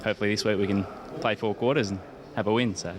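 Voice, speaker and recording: A young adult man with an Australian accent, an Australian rules footballer under interview, talks fast in a low, fairly even voice. His answers are casual, hesitant and rambling, with noise in the background.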